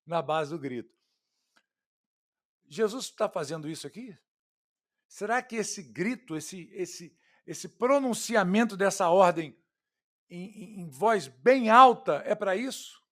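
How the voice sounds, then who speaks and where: A man with a Brazilian Portuguese accent preaching an expository sermon, swinging from loud, emphatic lines to hushed, quiet ones and calling his listeners "queridos" and "irmãos". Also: high-pitched, expressive, slow. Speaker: pastor.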